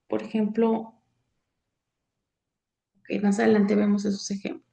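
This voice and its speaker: A woman teaching a lecture from slides, pausing often and filling gaps as she reads. Her voice sits a little high but has a dark, gravelly edge, and she talks slowly. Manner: halting, many fillers, reads from slides. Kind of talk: slide lecture on accent rules.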